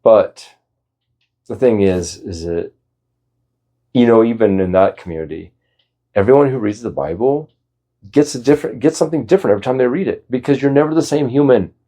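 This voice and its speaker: A man's voice: mid-range voice, animated, fairly quick, pauses often, mellow. A man hosting a solo podcast, reflecting candidly in a casual, rambling way with frequent restarts. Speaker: podcast host.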